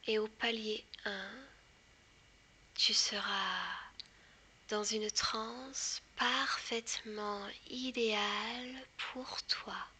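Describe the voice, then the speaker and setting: A woman guiding a hypnosis session in a hushed, breathy whisper right in the listener's ear, soothing and deliberate with long pauses. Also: mid-range voice, steady tone. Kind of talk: guided hypnosis, soft ASMR delivery.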